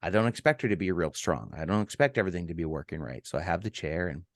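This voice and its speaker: A middle-aged man with a low voice recounts a personal story for a podcast, stopping and restarting often with ums. The sound is close and dry, with almost no room around it. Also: animated, dry recording. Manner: halting, with many ums and restarts. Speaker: podcast co-host.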